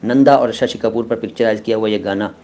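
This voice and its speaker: A man's voice: lowish voice, a little fast, darkish tone, slight background noise. A man teaching the meanings and correct pronunciation of words. He asks a question and then answers it himself. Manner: stresses careful pronunciation. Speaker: language teacher. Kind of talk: word-meaning lesson.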